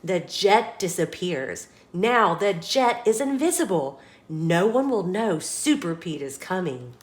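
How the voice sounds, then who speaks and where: With a voice on the low side and an unhurried delivery, a woman reads a children's picture book aloud. She's a dramatic, expressive storytime host who asks her young listeners questions.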